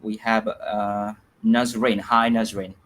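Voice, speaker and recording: A man's voice: lowish voice, flat delivery, slow, fairly bright tone, a little hiss or hum. Polite man moderating a study call. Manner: polite, repeatedly thanking, filler-heavy. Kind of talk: online group session hosting.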